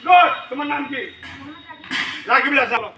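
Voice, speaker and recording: A man teaching English in a large classroom, loudly leading call-and-response drills. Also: very high voice, normal speed, creaky. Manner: loud, energetic, often shouting prompts to a class. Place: large classroom full of students. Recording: echoey classroom, distant mic, loud student chorus and noise.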